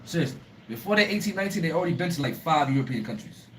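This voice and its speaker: A young man with a New York accent, chatting in a casual interview, animated and emphatic, repeating himself as he makes his points. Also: a little high, rapid-fire. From United States (born in Brooklyn to Liberian parents). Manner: animated, emphatic, laughs often, repeats words. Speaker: guest, travel show creator. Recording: distant mic with faint ambient noise.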